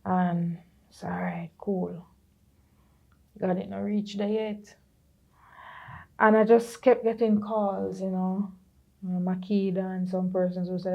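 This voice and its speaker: Mellow-voiced Jamaican woman telling her story. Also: fairly low pitch, creaky, highs cut off. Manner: earnest, moves into patois and lively quoted voices. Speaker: podcast creator sharing her story. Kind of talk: personal testimony in conversation.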